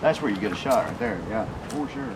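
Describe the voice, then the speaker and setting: A man chatting informally and repeating phrases while investigating outdoors, in a noisy recording with wind and vehicle rumble. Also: fairly quick. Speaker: paranormal investigator. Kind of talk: casual chat during a ghost hunt. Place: outdoors in a cemetery.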